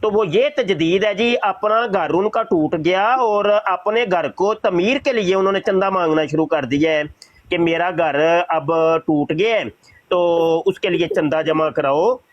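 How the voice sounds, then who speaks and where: Slow deliberate mufti guy debating, a bit high, dull lo-fi dry sound. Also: no room sound. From Pakistan. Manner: slow, deliberate, correcting and pressing points. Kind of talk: religious debate.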